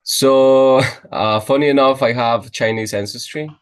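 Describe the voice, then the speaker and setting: A man's voice: mid-range voice, a little slow, clean tone. A young man, a podcast guest in casual chat, restarting often and using many fillers. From Costa Rica. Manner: restarting, filler-heavy, lively.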